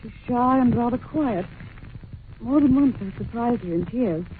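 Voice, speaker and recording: A woman's voice: on the high side, expressive, a little slow, phone-quality sound. A woman playing a polite, anxious and curious young governess in an old-time radio drama, telling things earnestly and expressively. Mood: earnest, uneasy. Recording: noisy, thin old radio recording.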